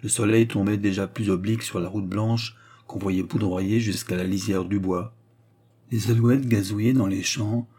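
A man reading a classic novel aloud in a measured, even manner. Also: fairly low pitch, husky. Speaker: audiobook narrator.

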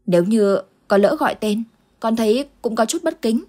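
A woman's voice: a little high, animated, moderate pace, mellow, voice pushed up. A woman voicing a polite, curious young man who questions his uncle in an audio ghost story. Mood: puzzled.

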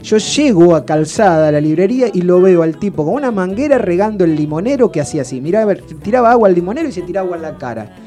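A man with a Rioplatense Argentine accent telling a comic story on the radio in a rambling, deadpan way with frequent restarts. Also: sits high, fast, hardly any pauses, soft background music. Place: radio studio.

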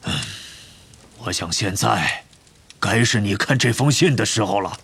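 A man voicing a huge, gruff, hot-tempered half-giant groundskeeper in an audiobook, with a rough voice and booming outbursts. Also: a little slow, fairly bright tone, full character voice. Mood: gentle. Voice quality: gravelly, rough. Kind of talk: audiobook character reading.

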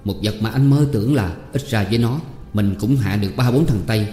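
A man reading a short story aloud in a steady, measured way. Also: fairly low pitch. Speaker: narrator. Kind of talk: audiobook narration. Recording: roomy reverb with faint music.

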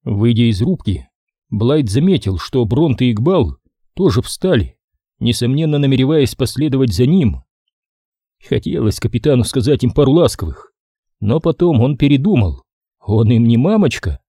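A man reading an audiobook with a mellow, dark tone and an expressive delivery. His pitch moves freely, and the recording is dry and close with no room sound. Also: normal speed, slightly rough, no echo. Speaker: audiobook narrator. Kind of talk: scripted narration.

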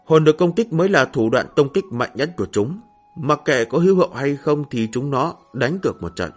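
Male narrator, husky tone, steady read over faint music. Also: on the high side, moderate pace. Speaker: audiobook narrator. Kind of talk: scripted fantasy novel narration.

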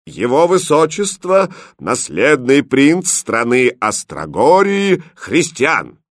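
Man doing a stiff herald, slow loud announcements. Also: mid-range voice, huge pitch swings, no room sound, clean studio sound, voice pushed up. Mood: solemn. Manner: slow, ceremonial proclamations. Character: solemn royal herald announcing guests.

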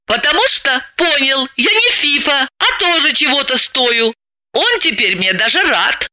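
A man reading an audiobook, voicing a timid, indignant young woman sleuth in a high, breathless, exclaiming voice. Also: big pitch swings, a little slow, sharp tone, dry recording, clean studio sound, full character voice. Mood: defensive.

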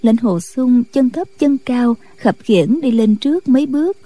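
Woman audiobook narrator, steady storytelling, somewhat high, dark timbre. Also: unhurried. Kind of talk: storytelling narration of a martial-arts novel.

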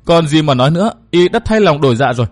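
A headstrong young heroine of a martial-arts audiobook, put on by a male narrator, jealous and quick to tears. Her lines sit in a raised, higher register and come out pleading and emotional. Soft music lies behind. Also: animated. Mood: tearful.

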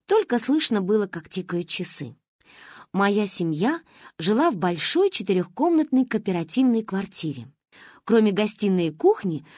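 A woman narrating a story in an expressive, playful storybook reading. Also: medium pitch, husky, dry recording, studio quality. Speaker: audiobook narrator.

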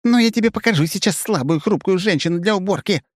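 A man putting on a high falsetto for a fiery young woman cadet. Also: fast talker, dry recording, studio quality, lightly acted. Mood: furious. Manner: raised falsetto, sharp.

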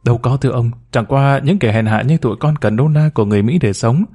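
A man's voice: medium pitch, fast talker, mellow, husky, lightly acted. A man voicing a timid, humble woman of about forty who speaks deferentially, hesitant and pleading.

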